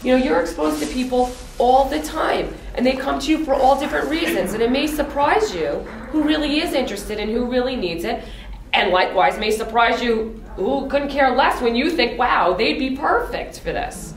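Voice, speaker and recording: Woman panelist, high voice, direct and lively, echoey room, mic far off. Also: moderate pace. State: lozenge in mouth. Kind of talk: panel discussion talk.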